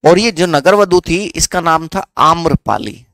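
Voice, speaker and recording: A man's voice: on the high side, expressive, measured pace, creaky, fairly bright tone, no room sound. A young man with a Haryanvi accent teaching history as a story, often repeating questions back to his students.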